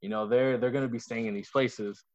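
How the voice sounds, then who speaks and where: A man's voice: medium pitch, steady tone, fairly quick, darkish tone. A man co-hosting a casual podcast chat, talking in a loose, profane and jokey way. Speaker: podcast co-host. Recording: slightly dull lo-fi sound.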